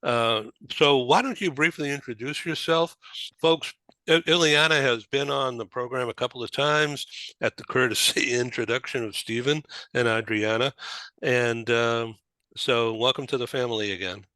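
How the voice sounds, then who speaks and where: A man's voice: mid-range voice, moderate pace, pushed and bright, no echo. A man hosting a talk show over video call, friendly and chatty, with fillers. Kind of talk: casual video-call interview.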